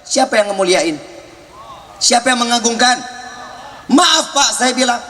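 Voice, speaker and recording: A man's voice: very high-pitched, normal speed, a bit bright, big-room sound. A man preaching to a large gathering, joking and teasing the crowd and acting out both sides of a conversation. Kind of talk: lively sermon with jokes. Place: large outdoor religious gathering.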